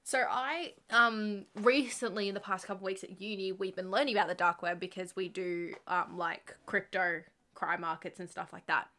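A woman's voice: mid-range voice, steady tone, moderate pace, few pauses, sharp tone. A woman in her twenties co-hosting a podcast, chatty and explanatory in casual talk. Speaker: podcast co-host. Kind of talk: casual chat.

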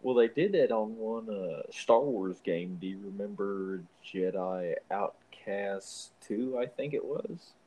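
A man with a husky voice, chatting casually. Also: fairly low pitch, slow pace, hardly any pauses, mellow, rough recording. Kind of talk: casual chat.

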